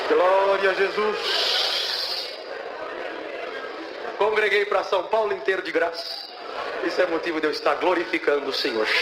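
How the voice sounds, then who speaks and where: A man's voice: on the high side, fairly bright tone, slight background noise. Fervent young man testifying in echoey church. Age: young adult. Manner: fervent, interjects praises to God. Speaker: church member giving testimony. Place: church hall. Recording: echoey church hall with faint ambience.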